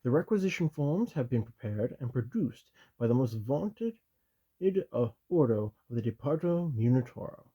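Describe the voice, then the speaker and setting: A man voicing a stern, loyal commissar who reads a military handbook aloud in whispered role-play, measured and officious with dry asides. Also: mid-range voice, expressive, husky, muffled recording.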